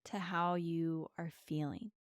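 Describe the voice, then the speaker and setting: A woman with a fairly low, clear voice leads a guided meditation as host. Her delivery is soft and soothing, unhurried, with long pauses. The sound is dry and close, with no room around it. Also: fairly even intonation, dry recording.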